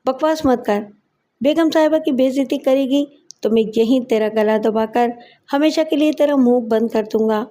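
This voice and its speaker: A woman narrator voicing a rough, bullying husband who threatens and pleads in turn, in an audio story. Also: sits high, mellow, natural voice. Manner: gruff threats, then pleading. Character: rough, bullying servant husband, grown man.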